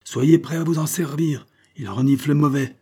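A man doing a gruff, barking old sea captain. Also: fairly high pitch, moderate pace, warm tone, voice pushed up. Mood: gruff, bossy. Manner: barking orders, rough sailor slang.

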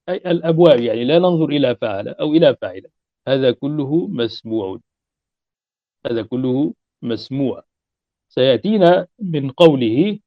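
A man's voice: medium pitch, dry recording. Male teacher, dull dry recording. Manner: recites verses, then explains patiently with examples; checks in with listeners and clears his throat often. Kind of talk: recorded lecture explaining a grammar poem.

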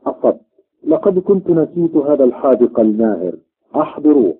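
A man's voice: on the low side, a little fast, breathy edge. A man doing a hot-tempered thunder god. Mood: forceful. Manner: forceful and indignant. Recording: tinny phone-like sound.

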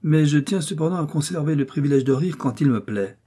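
Brief: male narrator doing a smug, disdainful gentleman, ironic and unhurried, husky mellow tone. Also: fairly high pitch, lively intonation, voice pushed up. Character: insolent, mocking gentleman, calm and disdainful.

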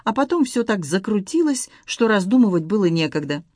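A woman's voice: mid-range voice, big pitch swings, a little fast, a little mellow, husky, no echo, studio quality. A woman reading as a wry, guarded man. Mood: calm.

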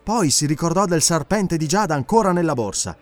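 Expressive male audiobook narrator. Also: on the high side, fairly quick, dry recording, soft background music. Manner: expressive, animated storytelling.

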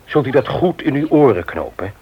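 A muffled vintage radio recording, with slight background noise, captures an actor in a Dutch radio play playing a stern, moralizing man who lectures a petty thief firmly and emphatically. His medium-pitched voice is sing-song, at normal speed.

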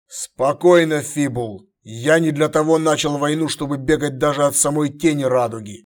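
A man voicing a stern, commanding middle-aged emperor who gives curt, measured orders. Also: on the high side, close to an everyday voice.

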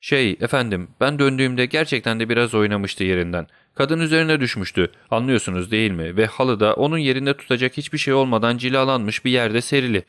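A man's voice: mid-range voice, brisk, few pauses, a bit bright, smooth, no room sound, lightly acted. Man doing a nervous deferential constable, apologetic, storybook reading, dry sound.

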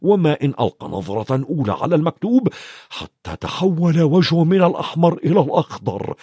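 A man narrating a storybook in an expressive, varied reading. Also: on the high side, no room sound, studio quality. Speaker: audiobook narrator.

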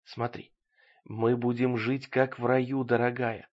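A man's voice: medium pitch, level tone, slow, muffled recording. A man voicing a scheming man who coaxes his fiancée in a falsely tender way. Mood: coaxing.

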